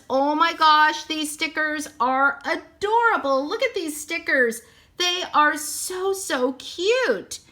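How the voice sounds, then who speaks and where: A woman's voice: sits high, pushed and bright. A woman narrating a toy unboxing, gushing sweetly and repeating how cute everything is.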